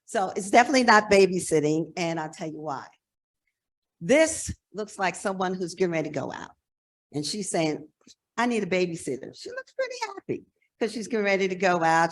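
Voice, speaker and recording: Speaking briskly and with animation, a woman with a fairly low voice presents at a conference. She's a New Jersey native in her sixties who runs a nonprofit, and her delivery is frank, emphatic and conversational.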